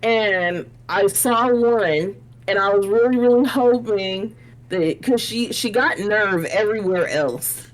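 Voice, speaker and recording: A woman with a medium-pitched voice who tells stories in a chatty, easygoing way. She co-hosts a casual chat and laughs often as she talks. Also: slow pace, poor audio. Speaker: podcast co-host.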